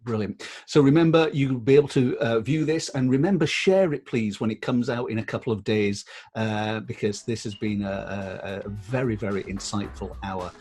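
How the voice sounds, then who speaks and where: Upbeat male host, husky voice. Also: on the low side, normal speed, a little mellow. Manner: upbeat, with many "uh" fillers. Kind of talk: hosting an online panel talk. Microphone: video call.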